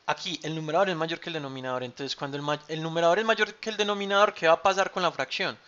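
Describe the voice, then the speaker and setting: A man's voice: fairly high pitch, fairly even intonation, quick pace, bright, forceful tone. A man teaching an online math class, patient, repeating key terms and checking with "cierto?". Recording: dull lo-fi sound.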